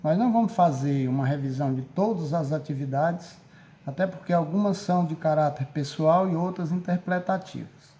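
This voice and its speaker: A Brazilian man gives a recorded grammar lesson in a patient, repetitive way, stopping often to check that his students follow along. His voice sits high for a man, but its tone is soft and mellow. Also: moderate pace, a little hiss or hum. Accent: Brazilian Portuguese. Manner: patient, repeats and checks with "certo?". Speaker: teacher.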